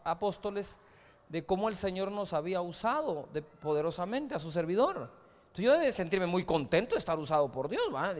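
A man preaches, his voice pitched high for a man. He tells stories conversationally, dropping frequent rhetorical asides to the crowd. His words ring out with a long reverb from a large church hall. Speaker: pastor. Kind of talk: sermon.

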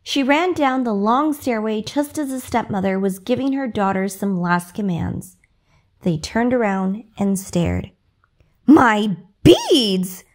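A woman reading a bedtime story aloud in a gentle, soothing, expressive way. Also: medium pitch, measured pace.

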